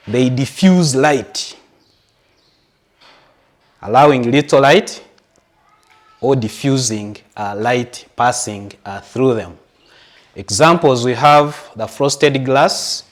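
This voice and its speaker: A man with a Ugandan English accent teaching a science lesson to pupils at home, explaining patiently with everyday examples. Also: medium pitch. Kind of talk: televised classroom lesson.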